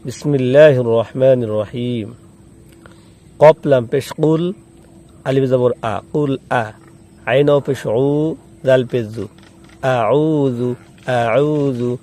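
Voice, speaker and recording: In a steady, dark, mid-range voice, a man guides learners through Quran recitation, spelling each letter and vowel mark. He then chants the word slowly and patiently repeats the rules.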